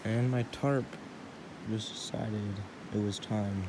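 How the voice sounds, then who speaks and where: A young man vlogs his solo camping trip in a laid-back, deadpan style, talking slowly in a lowish voice to a handheld action camera. He films first from his hammock outdoors, then from inside his truck cab, and the camera picks up outdoor noise.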